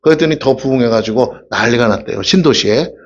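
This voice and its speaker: A man's voice: mid-range voice, fairly quick. A male pastor giving a casual, humorous sermon, telling stories and asking the congregation questions. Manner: chatty storytelling, asks the congregation questions, acts out voices. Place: church sanctuary. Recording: dull lo-fi church recording.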